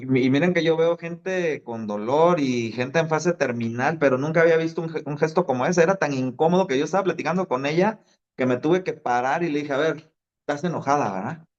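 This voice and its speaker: A man's voice: mid-range voice, a little mellow. Guy preaching, talks like he's just chatting, kinda muffled audio. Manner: conversational storytelling with fillers like "este". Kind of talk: sermon.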